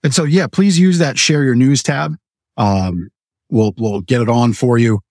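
Guy co-hosting a podcast, chatty and relaxed, mid pitch, dry sound. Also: measured pace, dry recording. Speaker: podcast co-host. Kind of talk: casual show chat.

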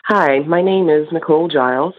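A woman's voice: deep voice, normal speed, no echo. A woman from Newfoundland calling in, informally telling a personal story. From Newfoundland, Canada. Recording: dull lo-fi recorded call.

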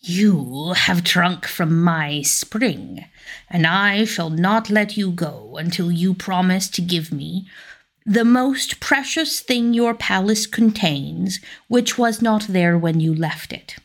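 A woman reading a storybook who voices a little green-eyed, big-headed male king speaking from down a well, slow, low and commanding. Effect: distant voice from down a well. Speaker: volunteer reader.

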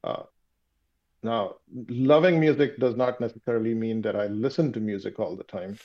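Speaking in a lowish voice, the interviewee is a man from Pakistan whose first language is Urdu. The call is muffled and casual, and he thinks aloud in a philosophical, halting manner with plenty of fillers.

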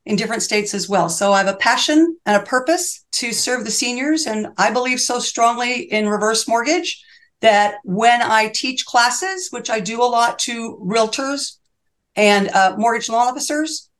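Guesting in an interview, this reverse mortgage specialist in her sixties has a slightly high, fairly bright voice at normal speed. She talks fervently and in earnest, in long run-ons she frequently starts over.

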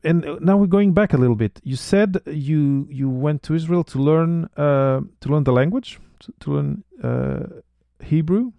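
A man's voice: on the high side, measured pace, creaky, dry recording, muffled recording. A man hosting a podcast interview, talking in a casual, hesitant way and often repeating words as he thinks. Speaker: podcast host.

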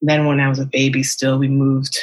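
A woman's voice: very deep voice, monotone, brisk, a little mellow. A young adult woman, a writer and teacher, talking candidly and thoughtfully in a casual podcast interview, with many ums and likes. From Las Vegas and Miami, United States.

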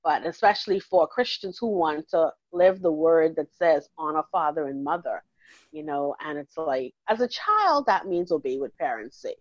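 A Bahamian woman in her forties, a counselor talking warmly and chattily in an interview, laughing easily. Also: deep voice, expressive, moderate pace, no room sound, muffled recording. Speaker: counselor and guest. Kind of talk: casual interview conversation.

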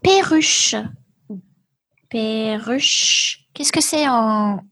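A high-voiced woman teaches an online language class over a video call. Her delivery is slow and patient, with a husky, breathy edge. She encourages her students warmly and moves between French terms and English explanations.

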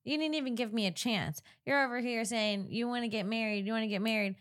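A woman's voice: on the high side, fairly bright tone. Brash, sarcastic woman in her thirties from Florida, comedy podcast host. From Florida, United States. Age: 30s. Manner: brash, sarcastic, quick jokes. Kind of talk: comedic casual chat.

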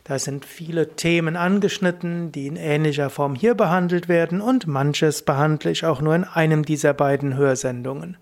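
A man hosting a self-help podcast, speaking slowly and calmly, repeating key phrases. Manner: slow, measured, repeats phrases, shifts between higher and deeper voice to demonstrate. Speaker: podcast host. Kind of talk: calm guided self-help talk.

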